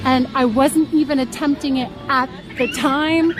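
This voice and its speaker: On a rainy day at a theme park, a woman live-streams outdoors, telling a story to her chat in a chatty, giggly, self-deprecating way. Her voice is high and steady, and she takes her time. Park music and crowd noise fill the background.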